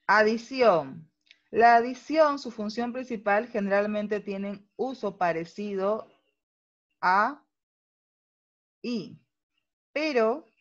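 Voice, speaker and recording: A woman teacher with a Peruvian accent giving an online class, explaining step by step and checking in often with quick tag questions. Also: medium pitch, highs cut off. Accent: Peruvian Spanish.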